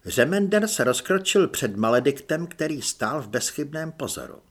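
A man narrating an audiobook in a measured storytelling manner. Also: a little high, sing-song. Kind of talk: scripted narration.

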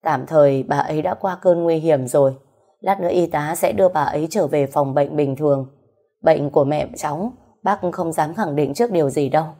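Woman voicing a calm, grave older male doctor. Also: low voice. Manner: slow, measured.

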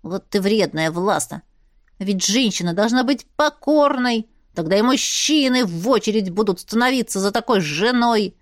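A woman's voice: on the high side, sing-song, measured pace, no echo, studio quality. A woman reading as a cheeky male wolf familiar, sly and mocking, who needles his witch. He talks in a teasing tone in a fantasy audiobook.

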